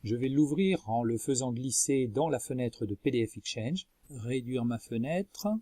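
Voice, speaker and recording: A man presenting a software tutorial as a screencast voice-over, explaining methodically step by step. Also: mid-range voice, unhurried, no echo, studio quality. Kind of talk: instructional screencast narration.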